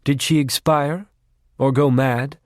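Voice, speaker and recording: A man voicing a calm, orderly female faery queen who speaks in a cool, curt, composed way. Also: mid-range voice, slow, no echo, clean studio sound, close to an everyday voice.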